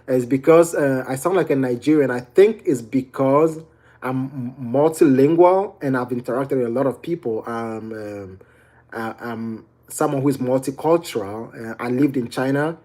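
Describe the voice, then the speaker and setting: A young Ghanaian man with a medium-pitched, mellow voice and a Ghanaian accent speaks at a moderate pace. As a medical exam tutor at home near a kitchen, he chats through viewer questions about exam study in a casual Q&A walkthrough, full of fillers and restarts.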